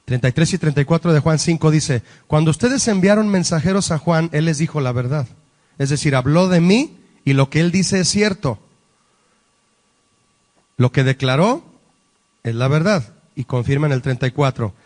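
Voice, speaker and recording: A man's voice: on the high side, lively intonation, moderate pace, darkish tone. A man preaching a Bible-study sermon, emphatic and asking the congregation rhetorical questions. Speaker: pastor. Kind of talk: sermon teaching.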